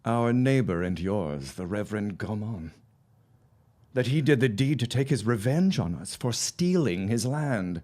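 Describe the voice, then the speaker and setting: In an audio drama, a man plays a grieving early-twentieth-century father, racked with guilt and torn by doubt. His low voice swings widely up and down in a sing-song, unhurried way, a little mellow, with an anguished, doubtful mood.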